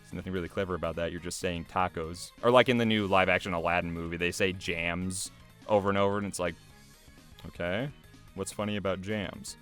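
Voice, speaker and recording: A video creator offers casual, rambling, self-effacing behind-the-scenes commentary in a chatty way, with music playing behind him. His deep voice is steady and fairly bright, moving a little fast.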